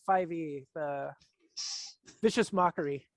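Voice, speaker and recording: Male player, high voice, hesitant, searching for words. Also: takes it slowly. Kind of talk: casual tabletop game talk.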